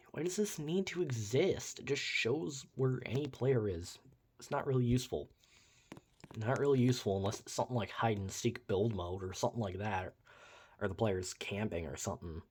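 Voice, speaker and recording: A man's voice: lowish voice, darkish tone. A young man giving casual, rambling commentary over gameplay, full of "like" and "uh", with wry, sarcastic asides. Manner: rambling, uses many fillers like "like" and "uh". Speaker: gameplay reviewer.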